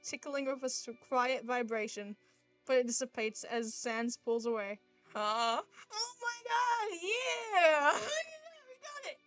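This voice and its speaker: Excitable woman streamer, high voice. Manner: excitable, squealing and laughing. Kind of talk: live game playthrough with reading aloud.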